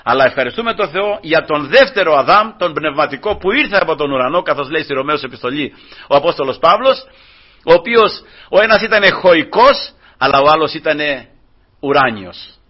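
A man preaching a sermon, fervent and husky, swinging between loud and soft, often calling out to his brothers. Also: on the high side, lively intonation, dull audio. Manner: fervent, rising and falling in loudness, repeating "brothers".

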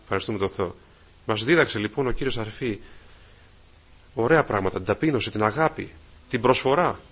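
A man preaching a sermon to his congregation, calling them brothers again and again and swelling louder on key phrases. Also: lowish voice, slightly rough.

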